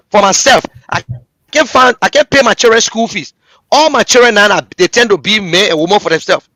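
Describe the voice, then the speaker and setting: This Liberian English-accented talk show host has a very high-pitched, pushed, bright voice, heard without echo in a low-quality recording. He delivers heated political commentary, repeating lines and speaking straight to his listeners.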